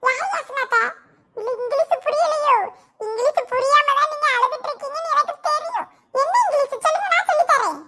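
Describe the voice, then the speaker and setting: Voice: extremely high pitch, brisk, sharp tone. A performer voicing a worried, caring son in a cartoon, coaxing his mother and speaking. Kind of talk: cartoon voice acting.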